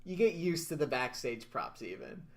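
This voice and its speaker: A man co-hosting a wrestling podcast, talking excitedly, laughing often and leading the segments. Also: mid-range voice, moderate pace, gravelly. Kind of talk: casual chat.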